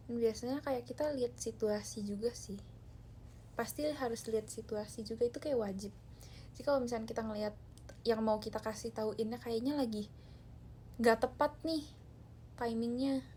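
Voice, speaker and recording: A woman's voice: fairly high pitch, normal speed, long pauses, mellow, a little hiss or hum. A young woman chatting casually to viewers on a live stream from her phone, talking loosely with lots of fillers. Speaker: idol group member hosting a live stream.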